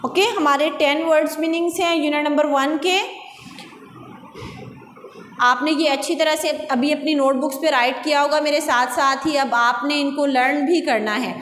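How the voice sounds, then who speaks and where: A woman schoolteacher with a Pakistani accent, slowly and patiently dictating English words and meanings to children in a class lecture. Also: sits high, steady tone, a bit bright. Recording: echoey classroom, faint background noise.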